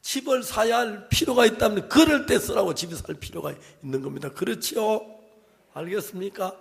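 An older pastor delivers a sermon in a fairly high voice, pressing his points hard and then dropping to hushed asides. He keeps turning to the congregation with quick rhetorical questions. His voice carries a long reverb, as if spoken in a large church hall. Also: creaky. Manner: emphatic, shifts between loud exhortation and quiet asides; frequent rhetorical check-ins to the congregation.

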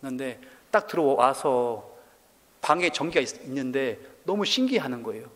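A South Korean missionary in his forties gives his testimony during a church service in a large hall, speaking at medium pitch and normal speed. He tells his story animatedly, and his voice rises when he is moved.

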